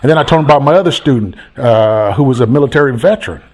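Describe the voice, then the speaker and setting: A man hosts a call-in chat as a real estate coach, speaking in a mid-range voice at a rapid-fire pace. He's animated and preachy, repeating himself for emphasis.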